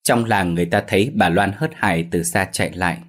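A man narrating a Vietnamese village ghost story in a steady, measured way. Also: low-pitched.

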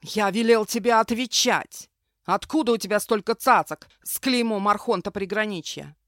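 A woman's voice: mid-range voice, expressive, moderate pace, a bit bright, dry recording, natural voice. Woman reader doing brutal red-eyed fanged captor, barking, domineering, dry close audio. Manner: barking interrogation.

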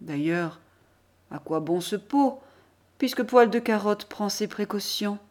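This is literary audiobook narration: a female reader voices a classic novel at a medium pitch, keeping her pace measured while staying expressive.

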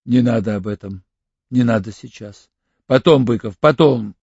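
Man voicing a stern male detective, measured, commanding, husky, dull lo-fi audiobook. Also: mid-range voice, a little mellow, no echo. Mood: firm.

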